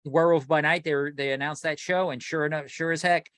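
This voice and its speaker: A man's voice: on the high side, fast talker, smooth, dry recording, studio quality. A man co-hosting a collecting podcast in casual chat, rambling and restarting as he tells his stories. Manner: animated, rambling with many restarts. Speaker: podcast co-host.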